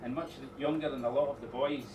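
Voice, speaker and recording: A middle-aged man giving an informal wedding speech as father of the bride, rambling a little with pauses and dry teasing asides. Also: mid-range voice, steady tone, narrow, tinny audio. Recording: echoey room, distant mic, noisy background.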